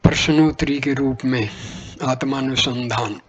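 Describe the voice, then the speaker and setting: Slow, flat-voiced man reading spiritual teachings. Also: mid-range voice, a little hiss or hum. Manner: measured, even, explanatory. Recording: dull lo-fi recording.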